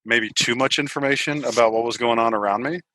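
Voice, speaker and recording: A man who placed second in a sim race, talking excitedly in a casual post-race interview. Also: mid-range voice, fast, no room sound. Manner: excited, talkative.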